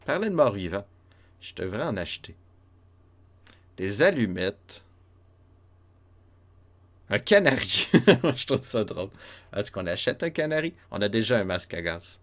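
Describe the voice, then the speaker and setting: He's a streamer with a Quebec French accent, laughing often and chatting with viewers as he plays an old RPG in a relaxed let's-play. The voice is fairly low and sing-song, a little slow, broken up by frequent pauses.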